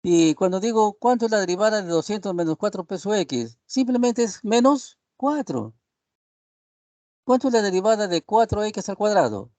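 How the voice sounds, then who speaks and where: A man's voice: sits high, animated, normal speed, darkish tone, dry recording. A male professor giving an online class on a video call, rambling and leaning on tag questions as he addresses his students. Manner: addresses students as "estimados alumnos". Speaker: university professor.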